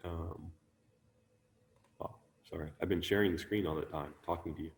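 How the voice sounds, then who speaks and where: A man giving a relaxed, conversational Buddhist teaching online, musing aloud with many ums and restarts. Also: sits low, moderate pace, long reverb tail, a little hiss or hum. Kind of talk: conversational dharma talk. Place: online talk, sharing his screen.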